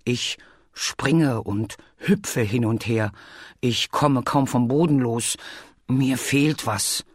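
A storyteller voicing an eager, clumsy male bear who wants to fly, speaking slowly and earnestly in a lowered voice. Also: husky, no room sound, studio quality. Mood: wistful. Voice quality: deep, slow, earnest and stubborn. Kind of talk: storybook read-aloud.

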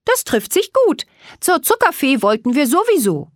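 A woman's voice: high voice, big pitch swings, moderate pace, dry recording, clean studio sound, voice pushed up. A woman voicing a curious, friendly young girl. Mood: pleased.

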